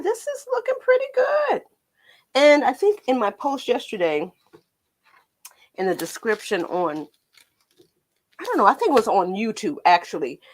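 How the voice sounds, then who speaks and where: Chatty American woman with a tinny voice. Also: medium pitch. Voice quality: tinny, slightly metallic voice. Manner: chatty, rambling, playful asides to viewers. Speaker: art teacher hosting painting livestream. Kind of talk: casual livestream chat.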